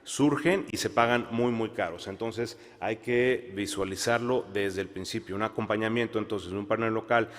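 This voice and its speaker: A man talks on a conference panel in a lowish voice, pausing and restarting as he thinks. His voice rings out in a large hall with a long reverb. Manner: measured, many fillers and restarts. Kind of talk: panel discussion.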